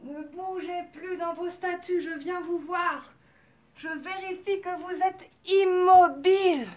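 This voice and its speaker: A woman with a very high voice runs a yoga class for young children. She calls out moves in an animated, sing-song way. She speaks more softly when the children lie down. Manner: soft, slower guidance while children lie down. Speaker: kids' yoga teacher.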